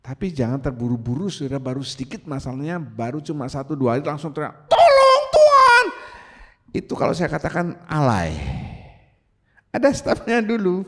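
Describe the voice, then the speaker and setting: Animated male pastor shouting out cries. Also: fairly high pitch, brisk. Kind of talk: sermon. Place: church sanctuary.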